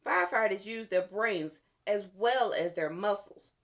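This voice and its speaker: Reading a kids' story out loud, a woman uses her mid-range voice expressively, taking each line slowly and purposefully in storyteller fashion.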